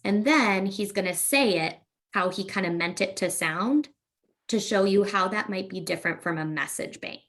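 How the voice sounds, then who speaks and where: A woman speech-language pathologist presents a webinar, explaining things in a relaxed manner with lots of fillers. Her pitch is medium and she speaks at a normal speed.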